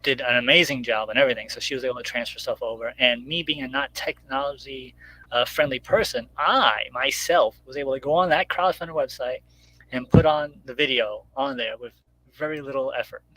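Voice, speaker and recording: A comic book creator appears as a guest, chatting casually and rambling about his own crowdfunded project while acting out little quotes. His mid-range voice is brisk, bright and forceful. The recording is rough.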